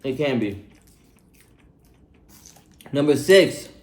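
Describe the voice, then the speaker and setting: Speaking very slowly and expressively at a medium pitch, a man in his twenties eats while dispensing relaxed, slang-filled life advice. He says things twice and keeps tacking on "bro," all in an echoey room.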